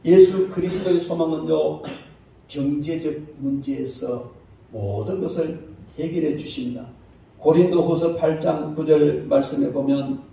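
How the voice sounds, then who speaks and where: A pastor delivers a sermon in a high, mellow voice. He swings from loud, ringing exclamations to quiet, low asides. His voice rings through a very echoey church hall from some distance away. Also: vocal fry, slight background noise. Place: church sanctuary.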